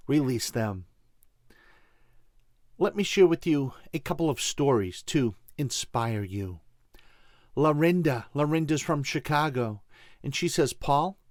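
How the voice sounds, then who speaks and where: Speaking directly to listeners in a folksy style, this Boston-accented show host from Boston, USA, leads a motivational spiritual talk show. The voice is medium-pitched and a little mellow, in a dry, studio-quality recording.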